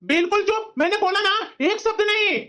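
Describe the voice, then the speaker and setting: A woman's voice: very high voice, normal speed. A woman voicing an angry young husband in a family cartoon, harsh and scornful. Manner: shouting accusations, scornful. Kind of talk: cartoon voice acting.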